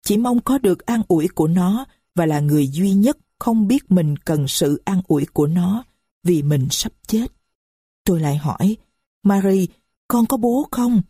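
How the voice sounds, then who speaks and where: Woman audiobook narrator, husky low voice, grave and sorrowful storytelling, dry sound. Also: lively intonation, normal speed, warm tone, no echo. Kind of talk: scripted story narration in first person.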